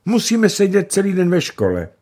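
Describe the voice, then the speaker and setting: A man's voice: high voice, huge pitch swings, a little mellow, husky, pitched above the performer's own voice, heavily acted. A man doing an eager young boy. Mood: pleading.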